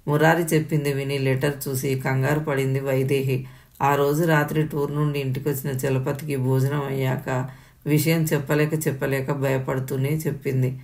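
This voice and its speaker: A woman narrating an audio story in a steady, even storytelling manner. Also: a bass voice, vocal fry.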